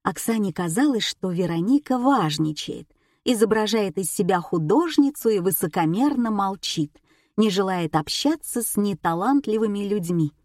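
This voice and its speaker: A woman narrating an audiobook in a steady storytelling read. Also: medium pitch, normal speed, no room sound, studio quality. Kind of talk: scripted narration.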